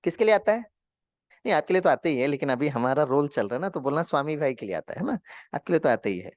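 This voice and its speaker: A man teaching a spiritual class, telling a story in a lively way, acting out what people said and mixing in English words. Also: fairly high pitch, fast talker, dry recording, dull audio. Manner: animated, acts out quotes, mixes in English words.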